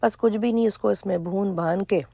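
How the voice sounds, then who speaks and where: A middle-aged woman, chatting casually in a cooking vlog, hoarse for now and full of chatty asides. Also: medium pitch, dark tone, no room sound, clean studio sound. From Pakistan. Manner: chatty, storytelling with asides and quoted dialogue. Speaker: vlogger.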